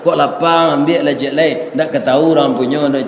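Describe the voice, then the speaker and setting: A male preacher with a Minangkabau accent tells a story in a sermon, slow and deliberate, often asking "ya kan?". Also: on the high side, steady tone, vocal fry. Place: prayer hall. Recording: echoey hall with faint noise.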